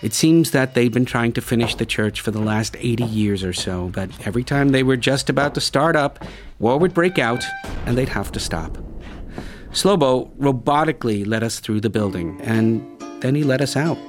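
A man narrating a scripted story in a measured way, with dramatic pauses. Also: mid-range voice. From United States. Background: guitar music.

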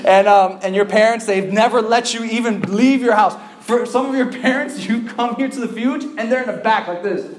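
A lively man in his thirties with a high voice tells a comic story to a big crowd. He is animated, jumps into loud acted quotes and chuckles along. His voice rings around a roomy hall. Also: moderate pace, few pauses. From Cuban family, raised in the US. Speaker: youth event speaker. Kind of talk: comedic storytelling to a live crowd.

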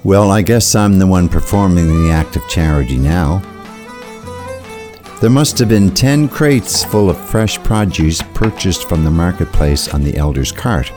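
Man as deep-voiced, reflective storytelling seeker. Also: darkish tone. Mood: wry. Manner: measured, literary, reflective. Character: thoughtful, questioning male seeker narrating his own tale. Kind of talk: scripted first-person story narration.

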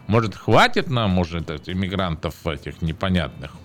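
A man's voice: low voice, lively intonation, normal speed, a bit bright. A man co-hosting a casual radio talk show, teasing and sarcastic as he asks listeners to call in. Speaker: radio host.

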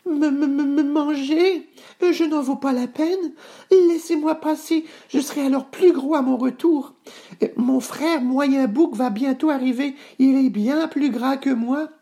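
A man voicing a small, timid young billy goat in a storybook, squeaky and pleading. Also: measured pace, vocal fry, warm tone, full character voice.

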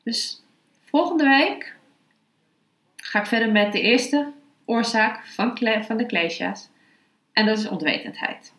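A woman speaking as a meditation and philosophy teacher, calm, unhurried and instructive. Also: medium pitch. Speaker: yoga philosophy and meditation teacher, podcast host. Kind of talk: spoken lesson, then slow guided meditation. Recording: roomy, echoing sound.

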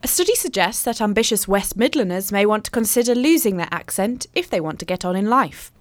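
A woman's voice: medium pitch, lively intonation, a little fast, dry recording. Woman reading news in a dry voice. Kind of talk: news article read aloud.

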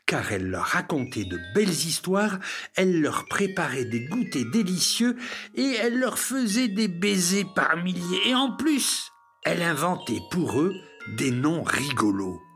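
An expressive storyteller reading a children's tale, the voice rising and falling freely from phrase to phrase. The pitch sits in a middle range, and music plays behind the reading. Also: a little slow. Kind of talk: scripted narration of a children's tale.

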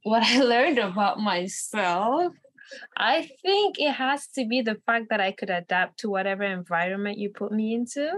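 A woman's voice: mid-range voice, normal speed, no room sound. A woman in her twenties from Nigeria, an entrepreneur answering interview questions casually, with many fillers. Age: 20s. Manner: relaxed, many fillers like "you know". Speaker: entrepreneur guest.

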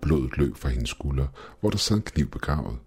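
A man reading a first-person horror story in an even, measured storytelling voice. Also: very deep voice, husky, faint music behind. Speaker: narrator. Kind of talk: scripted horror narration.

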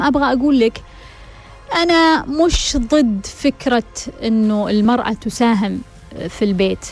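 A woman's voice: mid-range voice, creaky, a little mellow. A woman hosting an advice show, talking frankly to listeners and firing off rhetorical questions. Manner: blunt, full of rhetorical questions. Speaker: advice host answering listeners.

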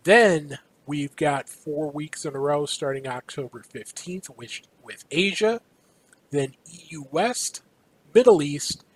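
A man co-hosts a casual esports news show, running playfully through a schedule with a few fillers. His voice is fairly high in pitch, and the recording is rough.

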